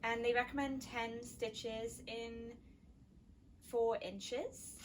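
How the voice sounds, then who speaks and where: A woman's voice: on the high side, flat delivery, very slow, slight background noise. A woman co-hosting a knitting podcast, explaining practical yarn tips in casual chat. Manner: practical, explanatory, warm agreement. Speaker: podcast co-host, yarn shop owner.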